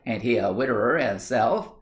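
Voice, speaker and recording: A man's voice: mid-range voice, expressive, normal speed, close to an everyday voice. A man reading aloud and voicing a blunt, good-natured young village lad with broad rustic country speech and a joking manner. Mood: dismissive.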